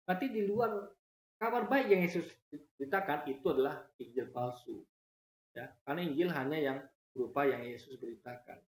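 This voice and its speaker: A man giving casual religious debate commentary, brisk and addressing his viewers directly. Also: mid-range voice, darkish tone, echoey room, rough recording.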